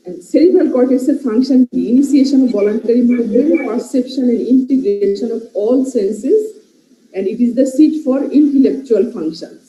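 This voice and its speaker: A woman's voice: a little high, mellow. A woman with a Bangladeshi accent gives a medical lecture, switching between Bengali and English and listing terms while checking in with "right?". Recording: muffled, echoey classroom recording.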